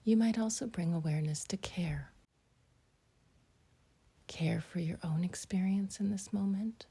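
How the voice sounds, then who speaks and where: Guiding a meditation, a woman speaks in short, gentle phrases and pauses at length between them. Her very husky, breathy voice hovers near a whisper and sounds mellow, low-leaning, and creaky.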